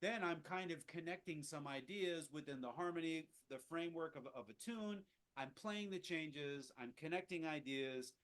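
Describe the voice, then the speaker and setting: A man's voice: fairly high pitch, moderate pace, few pauses, fairly bright tone. A man leading a casual jazz improvisation lesson, rambling with lots of restarts and fillers. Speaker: jazz teacher.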